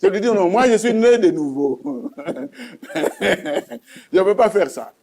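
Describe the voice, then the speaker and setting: This guest's testimony of faith comes in a soft, mellow, somewhat high male voice with a Congolese accent and a creaky edge. Expressive and unhurried, he narrates it like a story, stressing things emphatically and restating them for effect.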